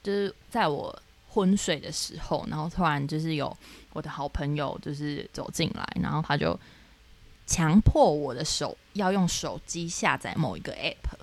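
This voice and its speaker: A young woman from Taiwan, co-hosting a podcast, telling her dreams in animated casual chat full of fillers. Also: sits low, normal speed. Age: young adult. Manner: animated storytelling with many fillers. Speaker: podcast co-host.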